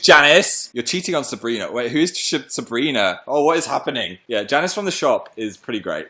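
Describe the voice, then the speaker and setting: A man's voice: lowish voice, fairly bright tone. A British man chatting playfully on a laptop livestream, rambling through jokes and silly asides. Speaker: YouTuber hosting a livestream. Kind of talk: casual live-stream chat. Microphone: laptop microphone.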